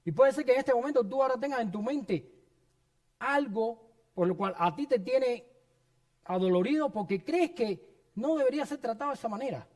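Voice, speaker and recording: A man's voice: very high-pitched, animated, normal speed, a little mellow. A man preaching a sermon in a church, earnest and personal, sharing his own story and addressing the congregation as brothers. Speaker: pastor.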